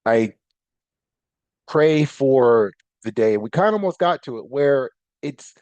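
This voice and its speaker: A man's voice: medium pitch, expressive, takes it slowly, darkish tone, no echo. A man hosting his own podcast, talking casually in a rambling, self-correcting way with bursts of animation. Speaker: podcast host. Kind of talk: casual solo podcast talk.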